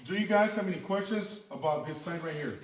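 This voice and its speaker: A man working as a cave tour guide, talking to visitors in a halting way with repeated words. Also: fairly high pitch. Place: underground cavern. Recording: echoing cave, distant mic, faint noise.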